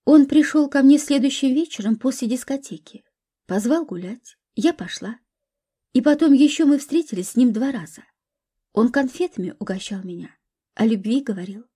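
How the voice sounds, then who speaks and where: A woman's voice: high voice, lively intonation, normal speed, mellow, husky. A woman voicing a naive, ashamed young woman in a storybook reading, with a tearful, plaintive manner.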